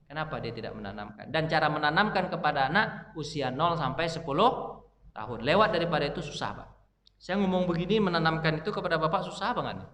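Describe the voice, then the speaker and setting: A man's voice: a little high, expressive, fast, a bit bright, a little hiss or hum. A man giving a casual mosque lecture, talking to the congregation and asking them questions he answers himself. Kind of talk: casual sermon to a dawn congregation. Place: mosque hall. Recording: echoey mosque hall.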